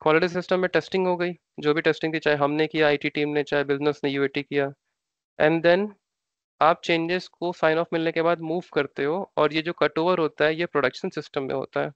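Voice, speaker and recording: A man's voice: on the high side, steady tone, a little fast, clear, resonant tone, no room sound, dull audio. A man with an Indian accent, an instructor explaining ideas step by step in a live online class, repeating terms and asking rhetorical questions. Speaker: SAP training instructor.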